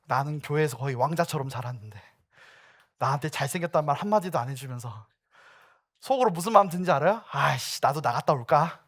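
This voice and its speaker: A young youth pastor preaches a sermon in a slightly high, expressive, fast voice, moving from storytelling into loud, urgent exhortation.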